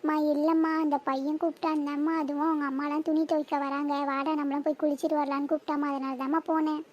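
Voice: sits high, level tone, quick pace, lo-fi sound, natural voice. A voice actor playing a young village boy in a cartoon who begs his mother for forgiveness. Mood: pleading. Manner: pleading, apologetic. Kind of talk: cartoon voice acting.

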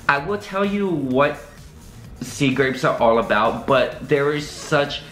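A man's voice: a little high, lively intonation, takes it slowly, fairly bright tone. A man hosting a casual vlog, chatty and joking, with many ums as he talks to his viewers. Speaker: vlogger host. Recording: echoey room with faint music.

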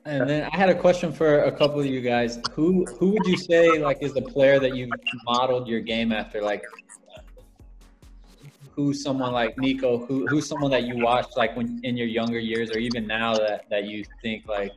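A man with a mid-range voice hosting a relaxed talk among teammates. He moves things along with casual questions and plenty of uh and like, and music sits clearly behind him. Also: mid-range voice, normal speed. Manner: easygoing, leads with questions, many fillers. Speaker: host of the roundtable, soccer forward. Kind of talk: casual video-call chat.

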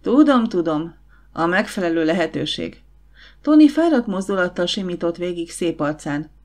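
A woman's voice: lowish voice, big pitch swings, darkish tone. A woman voicing a weary young actor. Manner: tired, resigned. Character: young man, struggling actor, weary and bitter.

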